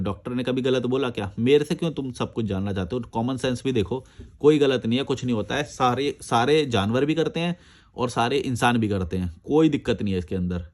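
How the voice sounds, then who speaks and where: A man's voice: medium pitch, a little mellow. Blunt man rebutting viewer comments. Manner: blunt, argumentative, reads comments aloud then rebuts. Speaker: vlogger answering viewer comments. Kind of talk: casual chat. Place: outdoors.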